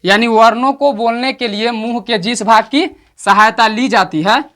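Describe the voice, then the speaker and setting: A man with a Bihari accent teaching an exam-prep lesson, often checking "understood?" and slowing down to dictate definitions. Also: very high voice, sharp tone. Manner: repeats "samjhe na?" checks, slows to dictate definitions.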